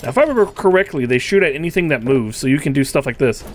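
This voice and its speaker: A man chats loosely through a live gameplay stream. His voice sits a little high, and it wanders through filler words before snapping into sweary outbursts. Game noise runs clearly underneath him. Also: lively intonation, very fast. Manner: rambling, heavy on "like" fillers, swears in frustrated outbursts. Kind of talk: casual live gameplay commentary.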